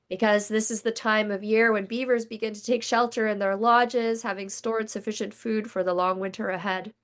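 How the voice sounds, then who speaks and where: Hoarse woman leading worship over a video call, gentle and measured. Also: mid-range voice. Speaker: guest speaker. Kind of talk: sermon opening words.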